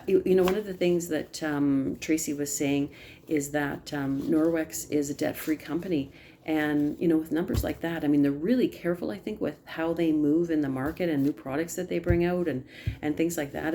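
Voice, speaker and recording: A woman with a low, mellow voice talks her sales team through a casual update over a video call. She rambles a little, full of ums and restarts. A faint hum of the room sits behind her. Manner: chatty, many ums and restarts, apologizes for talking fast. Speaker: team leader of direct sales consultants.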